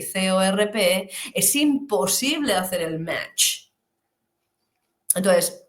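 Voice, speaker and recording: Animated woman teaching in an echoey room. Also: medium pitch. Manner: animated, stretches English model words slowly for emphasis. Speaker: English pronunciation teacher. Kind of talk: online class lecture.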